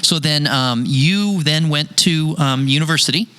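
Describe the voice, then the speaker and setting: A man's voice: fairly high pitch, a little slow, sharp tone, clear, resonant tone. A man hosting a podcast, chatting casually and jokingly with guests, with plenty of fillers. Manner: chatty, jokey, with many fillers. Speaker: podcast host. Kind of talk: casual interview chat.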